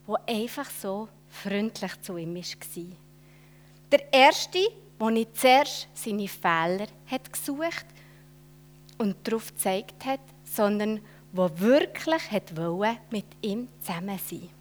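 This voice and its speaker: A woman telling a children's Bible story in an expressive way, with dramatic swells and soft whispered asides. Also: medium pitch.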